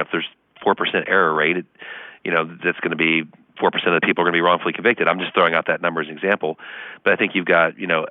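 A man, a law professor, answering interview questions over the phone, earnest and quick, with many fillers. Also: sits low, no echo. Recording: tinny phone line.

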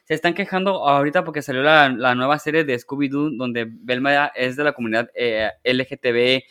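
A man chatting as a podcast co-host, animated and rattling off rhetorical questions. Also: mid-range voice, fairly quick, smooth. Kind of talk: casual chat.

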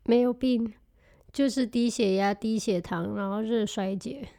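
A woman telling a funny story in casual chat, animated and laughing often, mixing in English words. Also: a little high, measured pace, gravelly.

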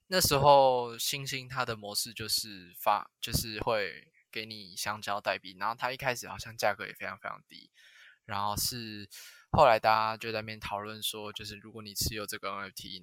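Casting: male podcast host, Taiwanese accent, sharp bright voice, conversational, very dry sound. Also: lowish voice, fairly even intonation, moderate pace, dry recording. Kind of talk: casual chat.

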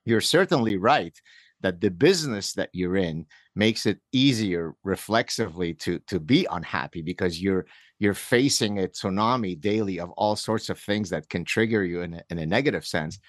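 Low-voiced middle-aged man telling stories. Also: animated, moderate pace, no echo, studio quality. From Lebanon. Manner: earnest, wry storyteller with frequent restarts. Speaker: author and guest. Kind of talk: conversational storytelling.

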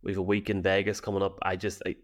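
A man with an Irish accent co-hosting a sports podcast, chatting in an animated, jokey way full of slang. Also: sits low, fast. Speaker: podcast co-host. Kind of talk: casual sports podcast chat.

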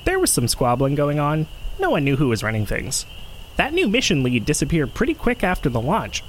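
Actor voicing irreverent, chatty tech worker, very animated pitch. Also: fairly quick, slight background noise. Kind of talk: audio drama acting.

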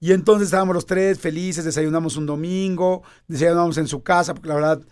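Mexican guy in his 50s telling a story on a chat show, kinda high voice, really animated. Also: fairly quick, smooth. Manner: animated, acts out quoted dialogue. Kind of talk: casual storytelling in conversation.

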